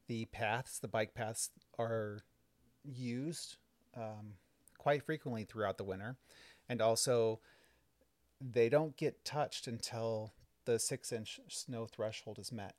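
Man with a low, dry voice. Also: no room sound. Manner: explanatory, chatty, many fillers. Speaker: village trustee and podcast host. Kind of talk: casual podcast recap of board meetings. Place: home, kids and cats in the house.

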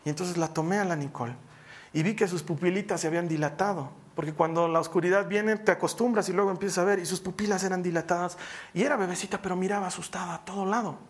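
A high-pitched man with a Bolivian Spanish accent delivers a sermon from the pulpit. He swings between forceful, raised exhortation and soft, hushed stretches. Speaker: pastor.

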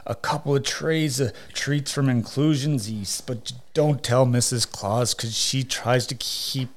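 A man's voice: mid-range voice, steady tone, measured pace, natural voice. A man playing jolly old Santa Claus in a podcast interview, chuckling and saying "oh, dear" often.

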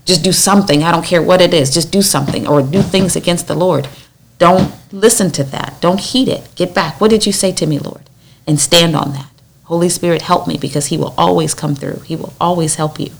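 A woman's voice: on the low side, fairly quick, gravelly, slight background noise. A woman leading a Bible study in an earnest, exhorting way, acting out the lines she quotes. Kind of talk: conversational Bible teaching.

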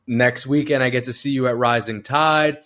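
A man's voice: medium pitch, fairly even intonation, moderate pace, fairly bright tone. A man hosting a podcast in casual chat, speaking with a slight lisp from new teeth aligners and often rambling and restarting his sentences. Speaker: podcast host.

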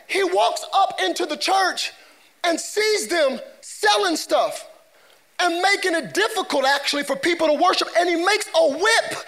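A man with a very high, bright voice preaches with lively swings of pitch and a playful, theatrical manner. He acts out quick voices and climbs into shouted peaks. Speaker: pastor. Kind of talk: sermon. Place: church auditorium.

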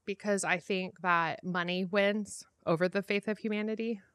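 A woman's voice: medium pitch, steady tone, normal speed, fairly bright tone, clean tone, no echo, clean studio sound. A woman co-hosting a podcast in casual conversation, speaking frankly and thinking aloud with lots of "like"s. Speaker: podcast co-host. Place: home room, windows shut.

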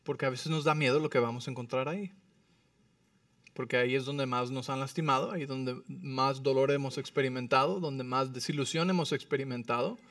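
A man preaching a sermon as pastor, often checking in with the congregation and moving between soft asides and emphatic lines. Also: medium pitch, fairly even intonation, a little fast, dry recording, distant mic. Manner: frequent tag questions to the congregation. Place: church.

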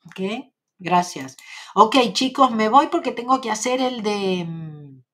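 Husky Argentine woman, reassuring live host. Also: mid-range voice, lively intonation, slow pace. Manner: reassuring, tags sentences with "¿ok?". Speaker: spiritual teacher hosting a live stream. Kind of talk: casual live-stream Q&A.

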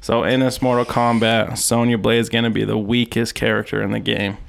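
Young man, gravelly voice, casual podcast banter, sarcastic, swears a lot. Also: medium pitch, flat delivery, a little fast. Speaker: podcast co-host. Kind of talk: casual chat.

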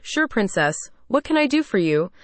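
A woman's voice: on the high side, big pitch swings, normal speed, dry recording. Liza, a woman voicing a brave young monkey. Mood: confident. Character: fast, brave young female monkey, helpful.

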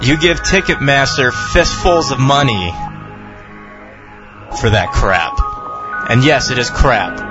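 A man's voice: medium pitch, takes it slowly, pauses often, music in the background. A man hosting an online talk radio show, ranting in a sarcastic, opinionated way over dull, dry lo-fi audio.

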